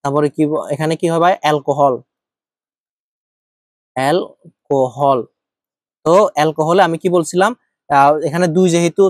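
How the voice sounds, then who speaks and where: A man's voice: on the high side, no echo. A man teaching chemistry, dry close sound. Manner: asks and answers his own questions, thinks aloud while writing; addresses students familiarly, often checks in. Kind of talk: informal classroom lecture.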